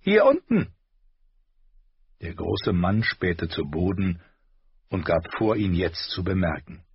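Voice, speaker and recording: Low husky male narrator, slow measured read, lively delivery, dull dry sound. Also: no echo. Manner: unhurried, expressive. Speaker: audiobook narrator. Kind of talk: scripted storybook narration.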